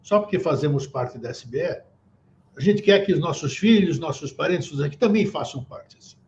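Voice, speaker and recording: A man's voice: a little high, animated, normal speed, a little mellow. A man hosting a talk show, chatting and picking up on his guest's points. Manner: conversational, builds on the guest's points. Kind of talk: casual chat. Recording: slightly dull recording with faint noise.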